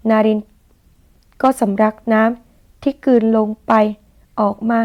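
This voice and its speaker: A woman narrating a romance novel as an audiobook in a steady storytelling manner. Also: a little high, takes it slowly, dull audio.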